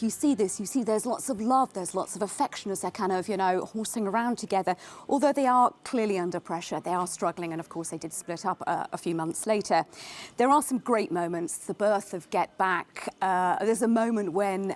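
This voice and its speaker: A woman culture correspondent reviews films on a news show. Her pitch is mid-range, and she talks in a chatty, thoughtful way, with fillers as she thinks aloud. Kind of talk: news discussion.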